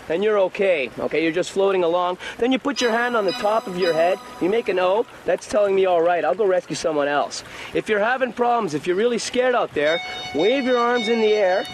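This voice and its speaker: A man's voice: sits high, poor audio. A man working as a rafting guide, giving plain, direct instructions and calls to paddlers. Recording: loud music bed under voice.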